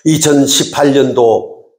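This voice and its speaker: A man's voice: medium pitch, fairly even intonation, takes it slowly, a little mellow. An older man preaching a revival sermon in a Gyeongsang accent, telling a story emphatically, acting out the dialogue and calling for amens. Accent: Gyeongsang Korean. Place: church sanctuary. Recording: echoey church hall.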